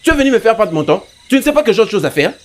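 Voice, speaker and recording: Dubbed-film style, a man voices an impatient, strict dance instructor who scolds a clumsy student. The delivery is high, very animated and very fast, his pitch swinging widely as he rants.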